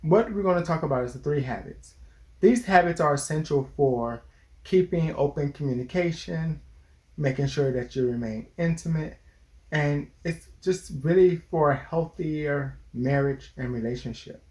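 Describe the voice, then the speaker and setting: Man in his twenties or thirties, therapist co-host, lecturing tone, a bit high-voiced. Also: normal speed, darkish tone. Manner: earnest, lecturing, restarts mid-sentence. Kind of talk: casual advice chat.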